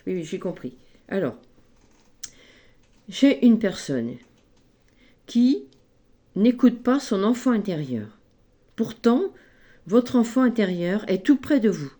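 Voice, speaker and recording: A woman giving a spoken tarot card reading, slow and gently encouraging, often adding little tags as she goes. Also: mid-range voice, big pitch swings. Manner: slow, gentle, encouraging, frequent "hein" and "ici".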